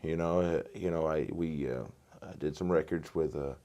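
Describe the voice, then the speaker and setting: A man's voice: a bass voice, steady tone, moderate pace, dark tone. A man, a guitarist and studio engineer answering interview questions with many fillers and restarts, on a lapel mic in a small home studio. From Norway. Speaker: guitarist and recording engineer guest. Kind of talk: casual interview. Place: home music studio, indoors.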